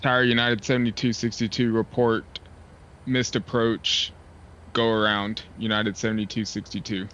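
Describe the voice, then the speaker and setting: A man acting as a pilot, reading back air traffic clearances in clipped radio phraseology through a cockpit headset mic. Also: fairly low pitch, level tone, moderate pace, fairly bright tone. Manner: clipped, formal call sign readbacks. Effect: pilot speaking over a cockpit headset mic. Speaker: sim pilot talking to online air traffic control. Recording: dull lo-fi headset mic, faint hiss.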